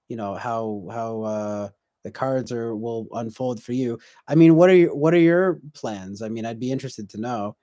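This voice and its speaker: This medium-pitched, dark-toned voice belongs to a man in his twenties hosting a livestream, where he reads out viewer comments and rambles reflectively, restarting often and leaning on fillers. The recording is clean studio quality without echo.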